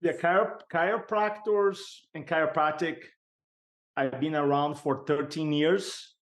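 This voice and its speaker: A middle-aged sales and speaking coach, a native Portuguese speaker whose English carries a Brazilian accent, is a guest on a podcast. In a fairly high voice with fairly even intonation and a measured pace, he tells energetic stories, laughing often and acting out the people he quotes.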